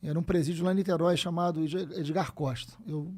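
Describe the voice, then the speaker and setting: A man in his fifties with a Rio de Janeiro accent, a guest telling stories in a casual podcast chat, animated and swearing freely. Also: on the high side, quick pace. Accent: Rio de Janeiro Portuguese. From Brazil. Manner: animated, swears freely, acts out quoted dialogue.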